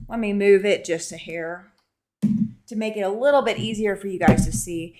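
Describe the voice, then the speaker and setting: A woman's voice: medium pitch, moderate pace, background noise. A woman chatting casually to viewers as a livestream host, in a garage studio with an empty-warehouse echo. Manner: chatty, addresses viewers directly. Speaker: livestream host of a quilting channel. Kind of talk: casual live-stream chat. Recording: echoey garage, warehouse-like room sound.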